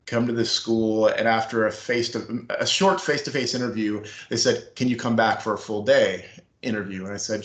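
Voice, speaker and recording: A middle-aged man telling a long story in an interview, acting out what people said. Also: on the low side. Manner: animated storyteller acting out quotes. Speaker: former school staff member, guest. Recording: roomy echo.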